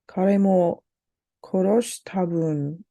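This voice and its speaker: This woman, a native English speaker and language learner, runs a casual practice session, speaking to herself and repeating syllables as she works them out. She talks very slowly in a fairly low, gravelly, warm voice, with no room sound.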